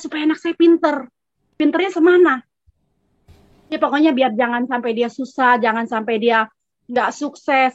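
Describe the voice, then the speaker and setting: A woman with a high voice tells a casual church testimony, chatty and acting out each side of a conversation. The sound is close and dry, a little dull and lo-fi. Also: no room sound. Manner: chatty, acts out both sides of a conversation. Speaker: congregation member giving testimony.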